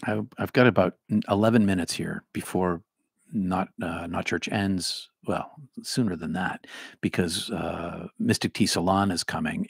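A middle-aged man from the Boston area hosts a live stream in a loose, rambling chat, stopping to thank viewers by name. His voice sits low and has a husky edge. The sound is dry and close, with little room around it. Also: dry recording. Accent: trained-out Boston, mostly neutral American. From Boston area, United States. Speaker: livestream host and former minister. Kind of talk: casual livestream chat.

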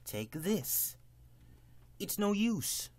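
A man's voice: high voice, sing-song, drawn-out words, voice pushed up, full character voice. A man voicing an earnest, defiant young hedgehog hero in a dramatic, declamatory amateur game-character performance. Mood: combative.

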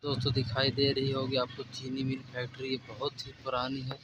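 A man's voice: medium pitch, monotone, fairly quick. A man in his thirties with an Uttar Pradesh Hindi accent, filming a casual phone vlog outdoors and repeatedly addressing viewers as friends. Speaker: vlogger. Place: outdoors by sugarcane fields and a factory yard. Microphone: phone selfie at arm's length. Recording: noisy outdoor phone recording.

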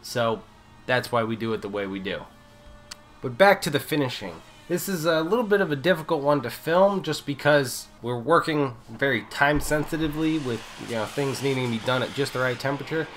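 A man's voice: mid-range voice, expressive, a little fast, a bit bright, soft background music, rough recording. A man with a head cold and a nasal voice, casually narrating a metal fabrication build as the channel host, with fillers and restarts.

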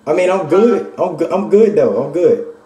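A young man with a mellow, slightly high voice, hesitating and stammering as he makes a phone prank. He sounds off the mic, in a roomy space with a clear echo. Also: lively intonation, moderate pace, recorded from a distance. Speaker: prank caller on a phone call.

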